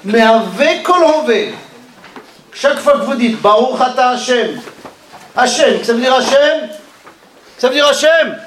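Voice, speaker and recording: A man's voice: moderate pace, pauses often, a little hiss or hum. A man giving a religious lesson, questioning and teasing his listeners, rising to calls and dropping to murmurs. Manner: animated, questions and teases listeners, swings from loud calls to low murmurs. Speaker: rabbi teaching a class. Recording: echoey room, voice from far off.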